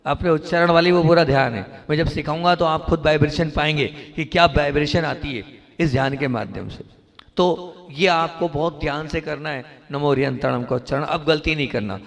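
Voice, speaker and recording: A man, a Jain monk, preaches to a gathered audience in a fairly high voice, teaching slowly and checking in with frequent questions. His words ring out with a long echo around a large hall, and now and then he draws syllables out into a sung chant. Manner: instructive, repeatedly asks the audience questions. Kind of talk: devotional sermon and pronunciation lesson.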